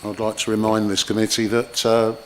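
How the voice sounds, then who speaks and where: A councillor, a man with a husky voice, argues a procedural point in a council meeting, often repeating words as he goes. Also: on the low side, flat delivery, fairly quick, a little hiss or hum. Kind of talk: committee debate.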